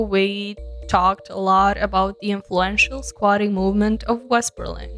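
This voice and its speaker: A woman from Serbia co-hosts a casual podcast and explains things patiently, laughing easily. Her voice sits at a middle pitch, and soft music plays faintly underneath. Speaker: podcast co-host.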